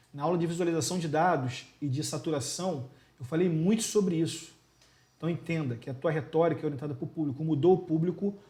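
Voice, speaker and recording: A man's voice: a little high, darkish tone. A Brazilian man teaching a casual video lesson, emphatic and slangy, who gestures constantly and keeps asking rhetorical questions. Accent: Brazilian Portuguese. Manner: gestures constantly while talking.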